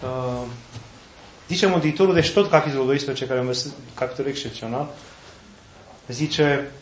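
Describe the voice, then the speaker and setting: Animated preacher man in an echoey church. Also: mid-range voice. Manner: folksy, animated retelling with playful asides. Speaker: Orthodox preacher. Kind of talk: sermon. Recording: echoey room, faint background noise.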